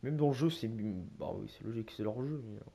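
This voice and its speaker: A man's voice: lowish voice, brisk, gravelly, warm tone, breathy edge. A young French man with a French accent giving loose, slangy commentary on a video game shop to his viewers, addressing them like friends. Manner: slangy, loose and rambling, talks to viewers as mates. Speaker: gaming YouTuber. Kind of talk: casual gameplay commentary.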